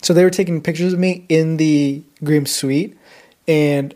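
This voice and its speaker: A man's voice: a little high, steady tone, measured pace, dark tone. A young man co-hosting a podcast, telling a story in a rambling casual chat full of fillers and restarts. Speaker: podcast co-host.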